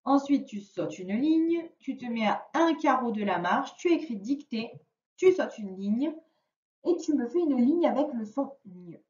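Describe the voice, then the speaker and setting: Woman, teacher, slow and patient, clearly articulated, lively pitch, distant dull recording. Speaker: primary school teacher. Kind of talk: remote reading lesson for a young child. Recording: roomy, distant, dull lo-fi sound.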